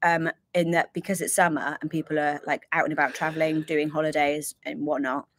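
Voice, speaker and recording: Low-voiced chatty woman. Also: flat delivery, brisk. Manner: chatty, rambling, apologetic. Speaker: livestream co-host. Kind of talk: casual livestream chat. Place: inside a camper van.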